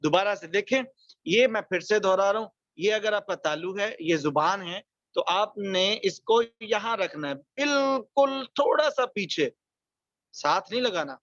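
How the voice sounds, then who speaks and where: High-voiced man teaching Quran recitation. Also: animated, a bit bright, no echo, highs cut off. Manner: explains rules quickly, then recites words slowly and drawn out. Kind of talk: online recitation lesson.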